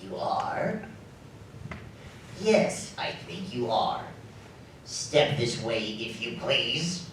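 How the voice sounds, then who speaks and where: A man's voice: medium pitch, very animated, drawn-out words, long pauses, a bit bright, heavily acted. A man playing an elderly reformed miser, effusive and theatrical, in a live radio drama. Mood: mock stern. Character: elderly miser Scrooge, newly reformed, giddy and kind. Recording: echoey stage from far off, faint noise.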